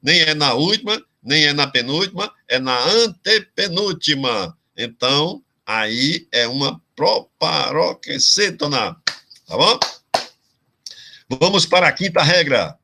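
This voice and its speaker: Slow, bright-voiced teacher drilling rules. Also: male voice, a little high, very animated. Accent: Brazilian Portuguese, Ceará. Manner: drawn-out explanations with frequent "tá certo?" check-ins. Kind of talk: online exam-prep lesson.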